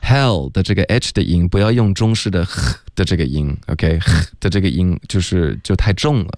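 A man's voice: deep voice, moderate pace, darkish tone, no room sound, studio quality. A man teaching English pronunciation on an educational radio show, correcting students patiently and dropping "OK" after nearly every phrase. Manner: corrective, patient, repeats "OK" often. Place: radio studio.

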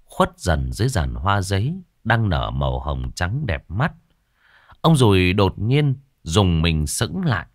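A man narrating a ghost story in a dramatic, expressive storytelling manner. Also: on the low side, no room sound, clean studio sound.

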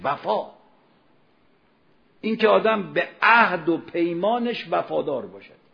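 Male preacher, fairly high voice, emotional storyteller who swells to near-shouting, dull lo-fi recording. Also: animated, vocal fry. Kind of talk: Ramadan sermon with storytelling.

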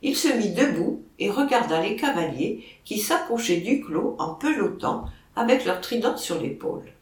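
A reader narrating a novel in a measured, expressive storytelling manner. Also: mid-range voice. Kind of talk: audiobook narration. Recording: roomy, distant mic.

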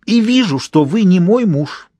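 A man reading an audiobook, voicing a bitter, hostile widow in a sharp, accusing tone. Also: high-pitched, lively intonation, unhurried, no echo, voice pushed up. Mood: scornful.

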